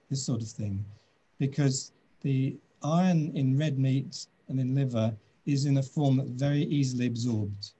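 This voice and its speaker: Measured British man on video call. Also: mid-range voice, warm tone, husky. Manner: measured, thoughtful, many "um"s. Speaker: doctor answering questions. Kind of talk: webinar Q&A. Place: office.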